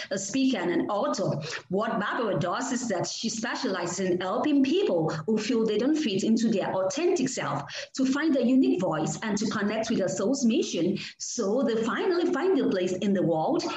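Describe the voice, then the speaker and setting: A woman's voice: mid-range voice, darkish tone. A woman hosting a casual interview, effusive and gushing, with frequent fillers. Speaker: host. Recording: echoey room, faint noise.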